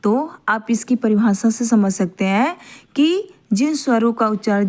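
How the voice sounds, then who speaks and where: A woman teacher giving a grammar lesson who repeats her points, often adds a quick checking "okay", and slowly draws out vowel sounds to demonstrate them. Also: a little high, darkish tone.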